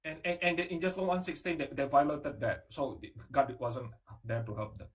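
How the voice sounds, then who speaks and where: A man's voice: mid-range voice, normal speed. Stammering man arguing scripture. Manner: stammering, repeats words while arguing. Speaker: caller. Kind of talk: casual debate chat.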